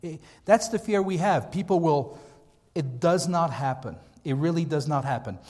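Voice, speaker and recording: A slightly mellow, higher-leaning male voice with lively intonation and a moderate pace belongs to an American pastor running an informal training session. Addressing a group in a large hall, he chats conversationally and repeats himself for emphasis, and the hall's long reverb makes the audio echoey.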